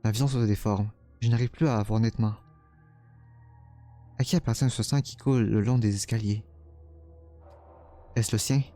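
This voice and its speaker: A man's voice: lowish voice, steady tone, moderate pace, long pauses, dark tone, soft background music, close to an everyday voice. Man reading as an anguished young hero. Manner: dramatic first-person reading, stumbling over words. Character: anguished young man narrating his own torment.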